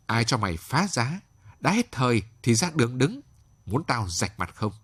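A man's voice: mid-range voice, sing-song, normal speed, fairly bright tone, husky. A man voicing a brutal, sneering young street thug in a storybook tale. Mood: threatening. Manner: taunting, threatening.

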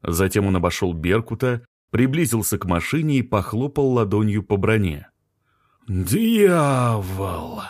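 A man narrating an audiobook in a measured, expressive manner. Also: fairly low pitch, no echo, studio quality.

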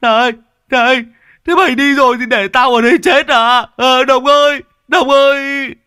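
Scarred villager, yelling, high, panicky. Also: male voice, fairly even intonation, moderate pace, smooth. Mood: panicked. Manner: loud high shouting. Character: frantic scarred village man, loud and panicky.

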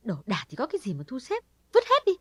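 A woman's voice: medium pitch, wildly swooping pitch, fast talker, husky, no room sound. A woman voicing a gossipy younger woman who keeps asking questions in an audiobook. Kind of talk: audiobook dialogue reading.

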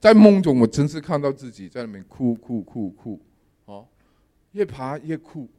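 A man giving a sermon testimony, telling his dreams in a lively storytelling manner with English words mixed in. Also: medium pitch, normal speed. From Malaysia. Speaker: lay preacher.

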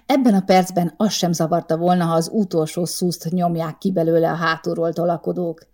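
A woman narrating a short story in an expressive, steady storytelling manner. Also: on the low side. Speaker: audiobook narrator. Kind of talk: scripted narration.

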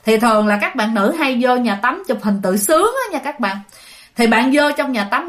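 A woman's voice: on the high side, a bit bright. A woman telling a ghost story in a chatty way, speaking directly to her listeners. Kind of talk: casual storytelling.

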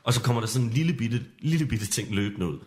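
A man hosting a podcast as game master, narrating an improvised adventure in a hushed, suspenseful way. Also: medium pitch, lively intonation.

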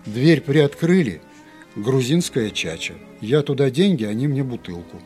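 A man's voice: mid-range voice, animated, measured pace, darkish tone, faint music behind, close to an everyday voice. A man voicing an earnest, simple Greek fellow who pleads and protests in a hasty, aggrieved way. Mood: plaintive. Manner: plaintive, hasty.

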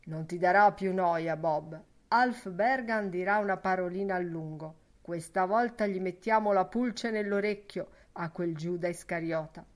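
A man's voice: high voice, a little slow, few pauses. Woman doing a hearty heavyset older man.

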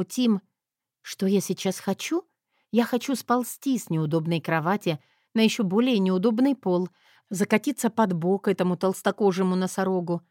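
A woman reading an audiobook in a steady first-person narration. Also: mid-range voice, no room sound, studio quality. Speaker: audiobook reader.

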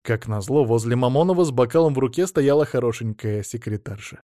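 A man's voice: mid-range voice, animated, brisk, mellow, no room sound, clean studio sound. Man narrating an audiobook. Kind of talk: scripted narration.

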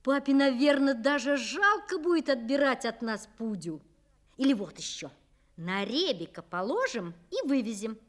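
A woman narrating a story aloud, acting out the characters' lines and shouts. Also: sits high, very animated, moderate pace. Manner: acts out shouted quotes, voices the characters. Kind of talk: expressive audiobook reading.

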